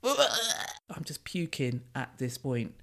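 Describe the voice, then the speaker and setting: A podcast host with a British accent talking through pet peeves in a casual solo monologue, blunt and self-mocking, with a naturally loud voice. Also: mid-range voice, very animated, slow, gravelly. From United Kingdom.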